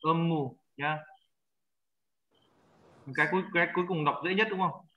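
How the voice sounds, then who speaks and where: A man teaching a language class, patiently repeating vocabulary words slowly for his students. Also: a little high, steady tone, dull audio. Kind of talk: language lesson.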